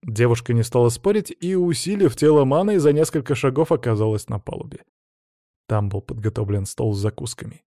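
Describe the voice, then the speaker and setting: A man reading a novel aloud as narrator, in an even, steady storytelling manner. His voice is warm and mellow, recorded dry and close with no room sound. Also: medium pitch, a little fast, no echo. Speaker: audiobook narrator. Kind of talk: scripted narration.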